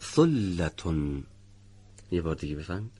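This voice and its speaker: Man teaching letter sounds on radio, husky, stretches words out slow, goes up and down a lot. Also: sits low, big pitch swings, dark tone. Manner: slow, deliberate drawn-out model readings. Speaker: Quran recitation teacher. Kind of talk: radio lesson on letter pronunciation.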